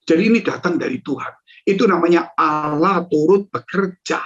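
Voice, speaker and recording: A man's voice: on the high side, moderate pace, a bit bright. A male pastor giving a conversational sermon, telling stories and addressing the congregation directly. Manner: conversational storytelling, addresses listeners as "saudara". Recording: dull lo-fi recording.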